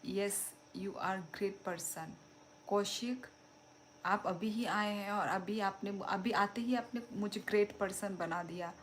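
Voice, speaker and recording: A woman's voice: mid-range voice, slow pace, a little hiss or hum. A young woman hosting a casual live stream, chatting and laughing as she reads out and answers viewer comments. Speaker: livestream host.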